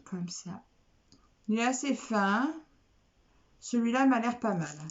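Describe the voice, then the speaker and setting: Slow-talking woman chatting through an unboxing. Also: a little high. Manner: chatty, repeats words, many "alors" fillers. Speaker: craft vlogger. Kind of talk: casual unboxing chat. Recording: dull lo-fi recording with faint noise.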